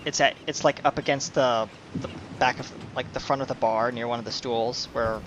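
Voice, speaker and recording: A man running a tabletop game, narrating scenes in a halting, conversational way as he improvises. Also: mid-range voice, steady tone, background noise. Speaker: game master.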